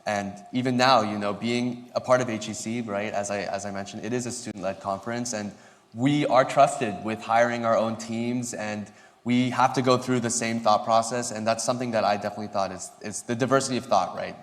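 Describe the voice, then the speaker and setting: A man's voice: fairly low pitch, fairly even intonation, fairly quick. A young man who hosts a fireside chat interview, asking questions and agreeing with his guest in an earnest way. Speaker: interviewer, student program director. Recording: reverberant hall sound.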